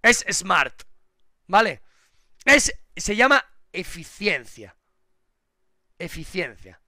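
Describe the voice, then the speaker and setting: A young male streamer talks crudely and swears freely, dropping to a mutter and then bursting into yells. His voice sits high and swings widely, with a gravelly edge. The tone is very bright and sharp. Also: big pitch swings, extremely slow, no echo, studio quality. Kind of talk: casual live-stream chat.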